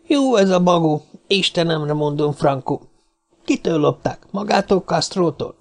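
A man voicing a small, nervous, cigar-smoking man who puts on a cheeky front and stammers when frightened, in an audiobook reading. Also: animated. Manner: stammering when scared, high and quick.

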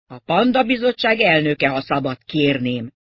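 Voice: medium pitch, big pitch swings, a bit bright, slightly rough, no room sound, studio quality. A reader playing an indignant, pompous general. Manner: indignant, exasperated. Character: flustered pompous older male general.

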